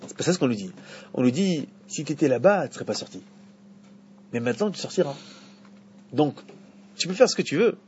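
A man teaching an evening Torah class to a small group, animated, with bursts of emphatic preaching. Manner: animated, rises to emphatic high preaching at key points, interacts with listeners. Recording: dull lo-fi recording with faint background noise.

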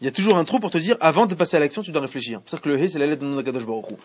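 A man's voice: fairly high pitch, rapid-fire, breathy edge. A man teaching a Torah class to students, often asking them questions and repeating himself as he explains. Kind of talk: Torah class in French with Hebrew readings. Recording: muffled lo-fi classroom recording.

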